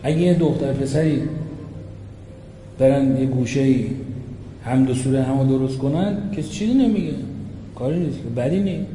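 A man giving a religious sermon, animated, swinging between loud outbursts and hushed asides as he acts out quoted voices. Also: mid-range voice, long pauses, a little hiss or hum. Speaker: preacher. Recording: echoey hall with faint ambience.

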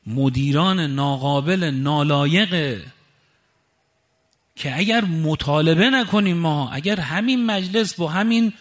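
A man from Khuzestan in Iran preaching a fiery, indignant sermon full of rhetorical questions. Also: fairly high pitch. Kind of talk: impassioned sermon.

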